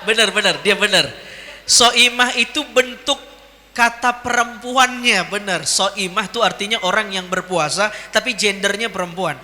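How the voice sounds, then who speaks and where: A male preacher with a high voice and very bright, sharp tone, speaking in a large hall that rings with long reverb. He teases and jokes with the crowd, asking questions and waiting for answers. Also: a little slow. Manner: jokey and teasing, quizzing the crowd. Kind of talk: lively Ramadan sermon to an audience.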